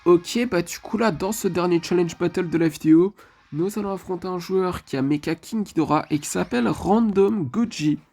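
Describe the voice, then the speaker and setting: A man's voice: high voice, normal speed, creaky, darkish tone, soft background music. A man giving casual commentary over his mobile game match, chatty and leaning on filler phrases. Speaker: mobile game channel host.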